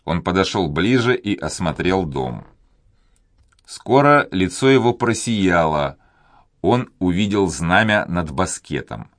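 A man narrating an adventure novel in a measured, even reading voice. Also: sits low, no room sound, clean studio sound. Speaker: audiobook reader. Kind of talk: scripted narration.

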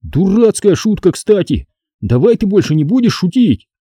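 A man's voice: high voice, sing-song, moderate pace, mellow, breathy edge, dry recording, voice pushed up, heavily acted. A man voicing a jumpy young boy who gets flustered and indignant in a storybook reading.

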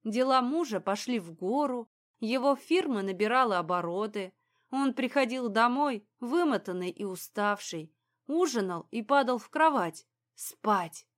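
Lady reading a romance audiobook, calm even voice, kinda high. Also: a little slow. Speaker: audiobook narrator. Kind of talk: scripted audiobook narration.

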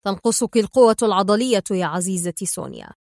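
A woman voicing a calm, sarcastic male secret agent hero. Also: medium pitch, fast talker, no echo, clean studio sound, natural voice. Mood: calm mocking.

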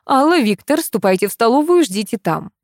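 A woman's voice: a little high, big pitch swings, a little fast, darkish tone, no room sound, studio quality, voice pushed up. A woman reading an audiobook voices a stern old grandmother who gives curt, commanding orders. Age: older.

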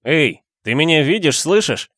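A man's voice: mid-range voice, sing-song, moderate pace, no echo, clean studio sound, pitched above the performer's own voice, natural voice. A man voicing a curious young male ghost who presses questions eagerly in a storybook reading. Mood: insistent. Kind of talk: audiobook character voice.

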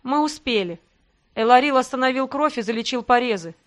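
Woman doing a gentle young male necromancer. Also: high voice, animated, a little fast, pitched above the performer's own voice. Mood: earnest.

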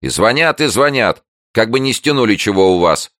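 A man voicing a shrill, frightened old woman neighbor who scolds loudly from behind her door in an audiobook. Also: animated, normal speed, no echo, studio quality. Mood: fussing. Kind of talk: audiobook character voice.

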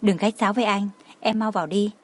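A woman's voice: medium pitch, fairly even intonation, fast talker, lightly acted. A woman voicing a polite, devoted young man who speaks kindly and courteously.

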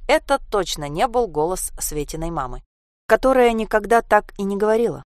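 A woman narrating a story aloud in an even, storytelling manner. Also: medium pitch, brisk, no echo, studio quality. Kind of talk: audiobook story reading.

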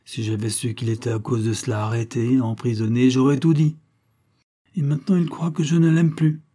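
A man's voice: mid-range voice, level tone, brisk, warm tone, close to an everyday voice. A man voicing an anxious, pleading young woman in a read-aloud crime story. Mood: anguished. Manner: pleading, emotional.

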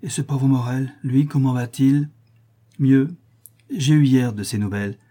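A man reading an audiobook voices a composed, generous gentleman who speaks in a calm, reassuring way. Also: medium pitch, measured pace, close to an everyday voice.

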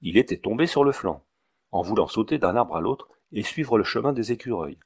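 A man narrating an audiobook of a classic novel in a measured, literary storytelling way. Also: on the low side, expressive, vocal fry.

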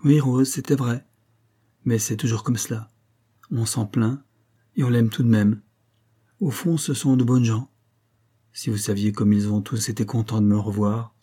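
Man reading earnest, frank young fellow; dark, husky, plain delivery. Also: medium pitch, fairly even intonation, a little slow, pauses often. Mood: warm.

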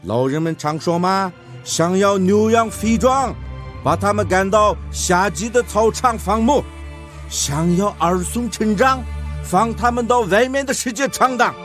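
A man's voice: high voice, fairly bright tone, soft background music. An actor playing a middle-aged male village chief who coaxes villagers in a preachy, folksy way. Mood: exhorting. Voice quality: coaxing, preachy with drawn-out sentence endings. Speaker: village head. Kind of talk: radio drama acting.

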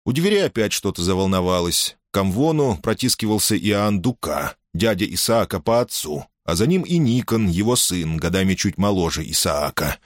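Expressive male audiobook narrator. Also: dry recording, clean studio sound. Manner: measured storytelling, expressive pitch. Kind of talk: scripted narration.

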